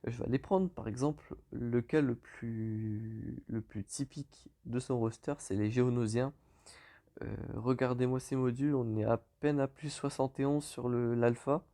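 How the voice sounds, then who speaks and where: A French-accented man talks through a game in an easygoing, hesitant way. His voice is dark and mellow with a gravelly edge. He stops to correct himself often. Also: medium pitch, moderate pace. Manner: relaxed, lots of hesitations and self-corrections. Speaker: gaming YouTuber. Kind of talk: casual game commentary over screen.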